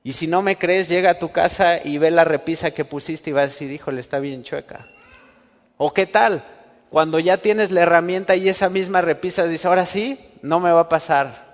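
A man's voice: a little high, a little fast, big-room sound, dull audio. A man preaching a sermon, talking in a conversational way and acting out small everyday exchanges. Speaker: pastor.

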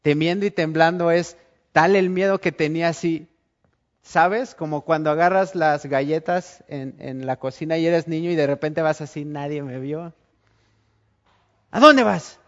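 A man preaching a sermon, telling Bible stories in an animated way and acting out the scenes. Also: fairly high pitch, normal speed. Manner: animated storytelling, acts out scenes. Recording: dull lo-fi recording.

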